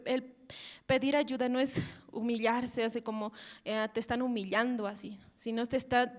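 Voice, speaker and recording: A woman with a Bolivian Spanish accent giving a personal testimony at a church service, halting and tagging her sentences with little questions. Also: fairly high pitch. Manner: halting, repeats "¿no?" and "así" often, laughs softly.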